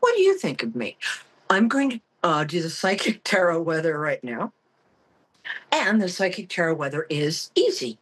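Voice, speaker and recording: A woman hosting a psychic tarot show in a campy, theatrical, self-mocking way, chatting comically and casually with a husky voice. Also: on the low side, wildly swooping pitch, normal speed, a little hiss or hum. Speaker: psychic tarot reader and call-in show host. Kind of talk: casual, comic monologue to listeners.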